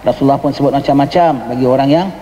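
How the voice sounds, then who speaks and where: Talking fast in a warm, mid-range voice, a Johor Malay-accented religious teacher lectures on a religious text in a mosque hall. He patiently explains, slips in English words, and checks with listeners using "ha?", while the audio has cut-off highs, slight background noise, and a long hall reverb.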